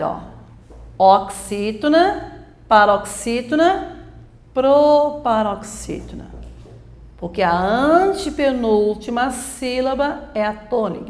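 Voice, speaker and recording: In an echoey room, a woman teacher with a fairly high voice walks through grammar step by step for exam prep. She poses questions and then answers them herself.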